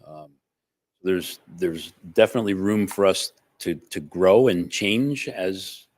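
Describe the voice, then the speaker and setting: A man from the school administration speaking at a meeting in a halting way that repeats words. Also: low-pitched, a little mellow, dry recording. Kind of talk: meeting discussion.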